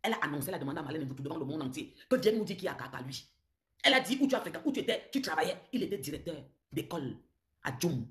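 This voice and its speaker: Fast-talking Cameroonian woman ranting live. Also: low voice, animated. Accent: Cameroonian French. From southern Cameroon. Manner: accusatory, confrontational, repeats taunts. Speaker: live-stream host. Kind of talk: heated live-stream rant.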